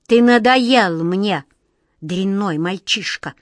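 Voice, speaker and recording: A woman reading a fairy tale aloud and voicing a haughty, impatient wind queen of ice who draws out her words and speaks louder than her narration. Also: dry recording, clean studio sound, natural voice. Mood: angry. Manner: imperious and shrill, drawn-out words.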